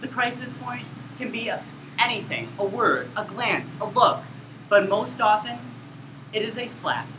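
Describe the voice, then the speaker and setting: A man performing a comedy skit, giving deadpan mock-instructional narration. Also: sits high, unhurried. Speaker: student performer. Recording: roomy, noisy room.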